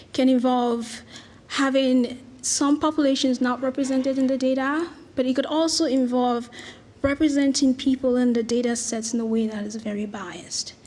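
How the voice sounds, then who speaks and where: A middle-aged woman from Cameroon, her voice high and a little mellow, gives an earnest academic lecture with slides. She's a researcher giving a talk, making small restarts along the way.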